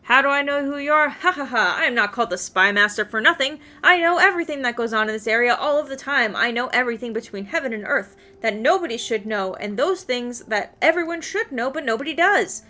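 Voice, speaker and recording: A woman's voice: on the high side, animated, brisk, hardly any pauses, sharp tone. A woman voicing a secretive, pompous spymaster from a video game, reading his lines in a knowing, theatrical way. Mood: grand, knowing. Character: secretive, self-important male spymaster who knows everything. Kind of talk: character voice reading video game quest dialogue.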